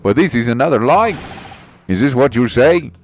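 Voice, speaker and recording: A man's voice: mid-range voice, expressive, normal speed, faint music behind, lightly acted. A man voicing an earnest foreign tourist with a phrasebook in a video game, speaking stilted, literal English. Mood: puzzled, literal. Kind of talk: video game dialogue read aloud.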